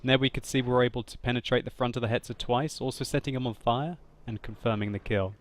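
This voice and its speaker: A man narrating his own tank battle gameplay as a voice-over commentary, laughing often and getting loud and excited at big moments. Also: mid-range voice, fast talker. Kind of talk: video game commentary voice-over.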